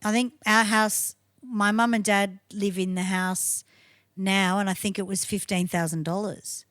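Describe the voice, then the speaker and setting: A woman's voice: mid-range voice, steady tone, a little slow, fairly bright tone, no echo, studio quality. A middle-aged woman with an Australian accent, co-hosting a casual podcast chat, enthusiastic and freely swearing. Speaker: podcast co-host.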